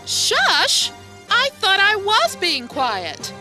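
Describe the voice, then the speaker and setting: Sassy first mate, high and bright, wisecracks. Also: female voice, wildly swooping pitch, very slow, soft background music, heavily acted. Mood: cheeky. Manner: wisecracking, exasperated. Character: cheeky female first mate, joking. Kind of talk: children's TV puppet comedy.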